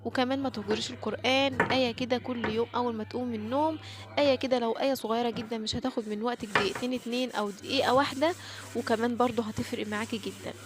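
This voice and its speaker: A quick-talking Egyptian woman narrates her home cleaning vlog as a voice-over. Her voice sits a little high, and she keeps turning to her viewers to cheer them on. Her tone stays chatty and homely. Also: steady tone. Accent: Egyptian Arabic. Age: middle-aged. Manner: warm, encouraging, addresses viewers directly. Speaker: home vlogger.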